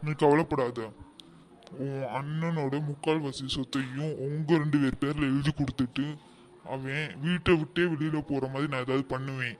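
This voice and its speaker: A man's voice: steady tone, moderate pace, lightly acted. A man voicing a greedy, scheming middle-aged mother-in-law in a cartoon, bossy and plotting. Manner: plotting, bossy, shrill when alarmed. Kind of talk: cartoon voice acting.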